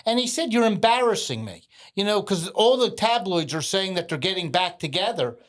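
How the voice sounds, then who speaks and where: A man's voice: sits high, a little fast, a bit bright. A man co-hosting a podcast in casual chat, talkative and laughing as he tells stories. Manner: chatty, laughs while talking. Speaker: podcast co-host.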